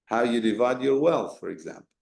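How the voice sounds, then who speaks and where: A man with an expressive, brisk, gravelly, slightly mellow medium-pitched voice teaches a Quran commentary class in an echoey room. His explanatory lesson proceeds step by step, blending Arabic terms with rhetorical questions.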